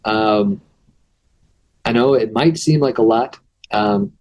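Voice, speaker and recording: A man's voice: lowish voice, slow pace, a little mellow, lo-fi sound, a little hiss or hum. A man teaching a recorded lesson in a casual, explaining way, with rhetorical asides, who is starting to lose his voice. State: losing his voice.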